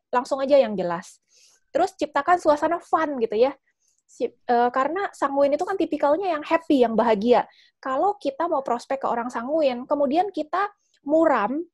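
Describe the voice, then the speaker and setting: Casual woman presenter, fairly high voice, dry close sound. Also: no echo. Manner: lively, animated, chatty with fillers. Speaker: personality talk presenter. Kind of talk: casual teaching talk.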